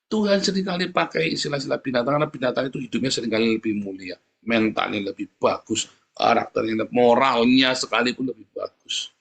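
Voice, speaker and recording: A man preaching a lively sermon, often calling out to the congregation, his voice leaping up in pitch for emphasis. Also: fast talker, vocal fry, breathy edge. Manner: often addresses the congregation as "saudara". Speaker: pastor.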